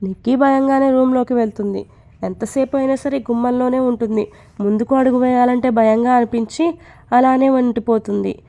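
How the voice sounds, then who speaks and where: A woman who tells a romantic story, narrating in a steady, unhurried reading voice. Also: fairly high pitch. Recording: dull lo-fi recording.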